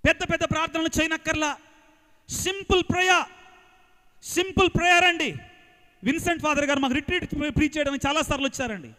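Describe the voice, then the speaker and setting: High-voiced preaching priest with hall reverb. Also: male voice, quick pace, long pauses. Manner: lively call-and-response preaching, mixing English phrases. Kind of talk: sermon to a large congregation. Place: large outdoor gathering.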